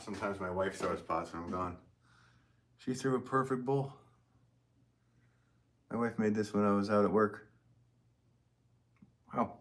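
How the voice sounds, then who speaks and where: A low-pitched American man talks casually on a livestream. He rambles along, half to himself and half to his viewers, as a working potter. There is faint noise and some clicking in the recording. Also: a bit bright. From United States. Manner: rambling, chatty, talking to himself while working. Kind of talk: casual livestream chat, reading comments.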